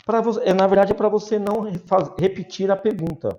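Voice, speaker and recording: A man's voice: sits high, steady tone, brisk, mellow, muffled recording. Brazilian man teaching English online. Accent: Brazilian Portuguese. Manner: explains patiently with examples. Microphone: video call.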